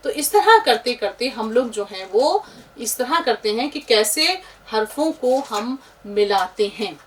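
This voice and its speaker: Female teacher, higher voice, patient explainer, mic a touch distant. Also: animated, unhurried. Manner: patient, explaining, pointing at letters as she writes. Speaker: Urdu teacher. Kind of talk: step-by-step script lesson.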